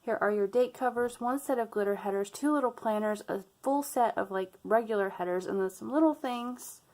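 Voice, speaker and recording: A woman's voice: a little high, fairly quick, darkish tone. A young adult woman vlogger, out of breath, chatting casually to her viewers and laughing between sentences. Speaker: planner vlogger. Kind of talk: casual chat to camera.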